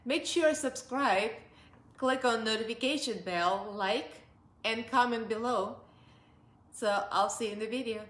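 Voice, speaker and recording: Her voice is a little high and fairly bright, moving at a measured pace, and the room echoes. A woman in her forties from Russia with a Russian accent, this beauty vlogger reviews makeup from her living room sofa in a chatty, upbeat way, laughing often.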